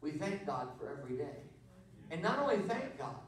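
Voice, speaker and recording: A middle-aged man preaching a sermon as pastor, swinging between loud emphatic bursts and quiet storytelling. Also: a little high, very animated, a little fast. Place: church sanctuary. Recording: very roomy church sound, voice from far off.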